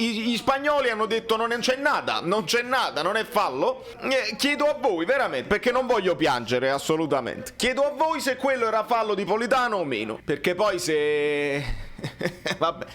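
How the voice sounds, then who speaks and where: A football fan reacts live to a match in a high, bright, forceful voice. He is a man with a Neapolitan accent who talks in colloquial street slang. His casual commentary is excitable, with theatrical complaining.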